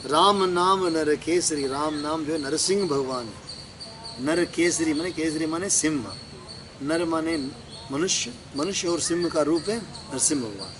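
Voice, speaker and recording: A man's voice: a little high, measured pace. A man giving a religious discourse, explaining scripture verses line by line and asking and answering his own questions. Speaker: spiritual teacher. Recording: clear background noise with crickets.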